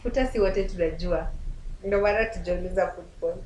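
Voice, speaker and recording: A woman's voice: fairly low pitch, brisk, a little mellow. Kenyan woman co-host, roomy studio. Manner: laughing, mixes English and Swahili. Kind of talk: casual quiz chat. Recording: roomy studio with faint noise.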